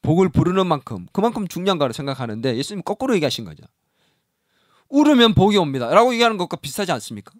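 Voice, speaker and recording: A middle-aged male pastor preaching with a high, lively voice that climbs and drops widely. He acts out little quoted voices as he goes, and the sound is dry and close. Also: rapid-fire, few pauses, no echo. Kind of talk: sermon. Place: church sanctuary.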